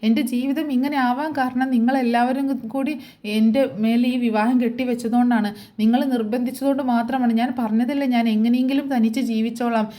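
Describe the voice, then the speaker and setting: Woman doing a bitter middle-aged mother, scolding, fast talk, dark tone. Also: on the high side, steady tone, lightly acted. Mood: wailing. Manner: scolding, tearful complaints.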